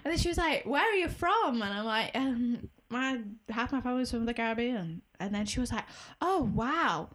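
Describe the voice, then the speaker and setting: A young woman with a Yorkshire accent, co-hosting a podcast, telling stories in an animated, sweary way. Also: fairly high pitch, normal speed, hardly any pauses. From Leeds, England. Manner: animated storytelling, swears freely. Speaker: podcast co-host. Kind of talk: casual chat.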